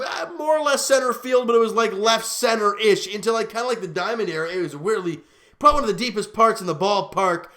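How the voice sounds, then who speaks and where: A man hosting a sports podcast, recapping a baseball game in a casual, excitable and rambling way, often stopping to correct himself. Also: high voice.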